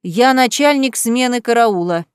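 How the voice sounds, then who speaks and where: A firm young male guard officer in an audiobook tale, read by a woman narrator. He speaks in a steady, official tone. The recording is dry and close. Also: a little high, measured pace, clean tone, dry recording.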